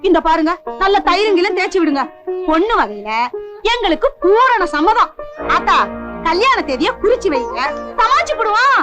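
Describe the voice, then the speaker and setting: A woman's voice: very high-pitched, very animated, normal speed. An actress playing the groom's mother, fussing over the bride, in a 1980s film. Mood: affectionate. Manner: fussing, affectionate. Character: groom's mother, pleased and chatty. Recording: film soundtrack with music.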